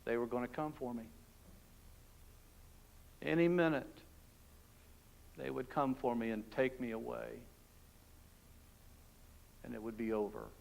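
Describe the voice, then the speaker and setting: A pastor acting out Barabbas, a frightened freed male prisoner, in an emotional, hushed and halting dramatic monologue in a church. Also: high voice, clean tone. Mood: despairing. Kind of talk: dramatic first-person monologue. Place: church sanctuary.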